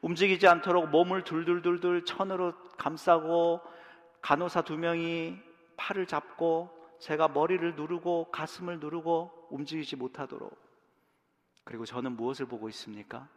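A pastor preaching a sermon, telling a personal story that swings from hushed to loud. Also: male voice, on the high side, fairly even intonation, normal speed, long reverb tail. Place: church sanctuary.

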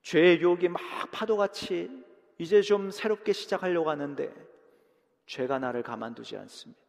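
Gravelly pastor preaching in an echoing church. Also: male voice, fairly high pitch, moderate pace. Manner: dramatic preaching that swings from loud emphasis to hushed, near-whispered lines; acts out short prayers and quotes within the sermon. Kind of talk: sermon. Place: church sanctuary.

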